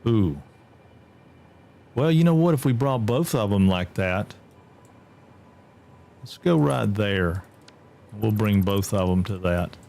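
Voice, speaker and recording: A man's voice: slow, gravelly, pauses often. A man from Georgia with a Southern accent, chatting casually while live-streaming a game and answering chat. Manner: chatty, drawling, reads chat aloud, jumps high when excited.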